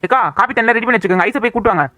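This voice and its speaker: Cartoon busybody, a young village woman, quick and scolding, played by a woman. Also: fairly high pitch, fairly bright tone, no room sound, natural voice. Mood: welcoming. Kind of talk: cartoon voice acting.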